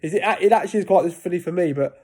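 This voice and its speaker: Very fast and high-voiced, with a darkish tone and a breathy edge, a man in his thirties vlogs to camera about living with a stutter. He often breaks off and restarts words as he talks casually.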